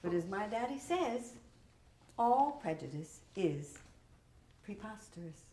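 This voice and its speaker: Woman in her 60s telling stories on stage, voice jumps all around, slow and wry, roomy echo and faint hiss. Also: mid-range voice. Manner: lively, wry, expressive storytelling. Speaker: solo stage performer. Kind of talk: one-woman show storytelling. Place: theater stage.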